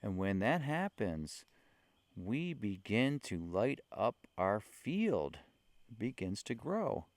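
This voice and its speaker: A man talking slowly and earnestly about spiritual experiences into a handheld mic, with many fillers and soft laughs. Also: lowish voice, sing-song, dry recording. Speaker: spiritual vlogger. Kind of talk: casual spiritual talk to camera.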